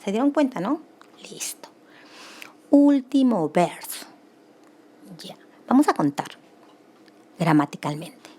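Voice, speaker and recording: A woman's voice: medium pitch, big pitch swings, slow pace, pauses often, warm tone. A woman teaching a recorded secondary school class, explaining step by step and often checking in with the students.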